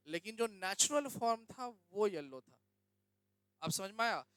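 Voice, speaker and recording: A man's voice: sits high, fairly bright tone, dry recording. A young male teacher giving a classroom lecture, often asking students questions and checking that they understand. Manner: questions students, addresses them as beta.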